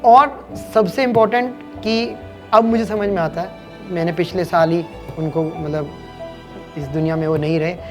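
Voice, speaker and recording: Man, late thirties, from Haryana, cricket commentator, high voice, animated storyteller, podcast guest, faint background music. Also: moderate pace. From Kurukshetra, Haryana, India. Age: late 30s.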